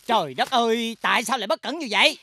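Actress playing a dramatic, scolding company boss; bright, close, dry sound. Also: female voice, a little high, expressive, quick pace, no echo. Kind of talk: sitcom acting.

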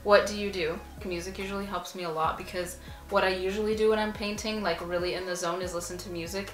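A young woman in her 20s, an artist and vlogger with Arabic as her first language, paints and answers questions casually from a couch in a small home room. Her voice is on the low side, relaxed and thick with "like" fillers. The camera a few feet away gives a reverberant sound.

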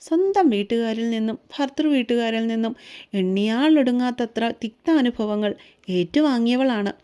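A woman narrates a romance novel in a slow, emotive and soothing way. Her voice is warm and mellow rather than bright, and it sits a little high. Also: animated, clean tone. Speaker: storyteller.

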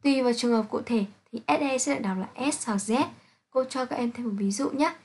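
A woman teaching an English pronunciation lesson, reading out sounds and example words slowly and carefully to her students. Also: fairly high pitch, a little mellow, breathy edge. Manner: slow, careful, spelling out sounds one by one.

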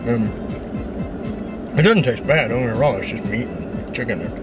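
A man's voice: medium pitch, expressive, moderate pace, loud music behind the voice. A man in his thirties talking to a dashboard camera inside his truck, blunt and motivational, swearing freely. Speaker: vlogger. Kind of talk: casual vlog monologue.

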